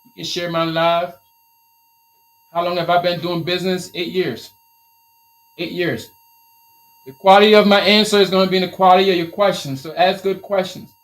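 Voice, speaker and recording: This Liberian-accented man from Liberia has a high-sitting voice, speaks at a moderate pace, and pauses often, all on poor audio. He's hosting a casual live-stream Q&A about his t-shirt business, restating his points with motivational energy.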